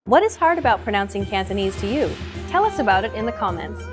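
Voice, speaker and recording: Bright, lively woman narrating a lesson. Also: mid-range voice, fast talker. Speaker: lesson presenter. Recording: faint music underneath.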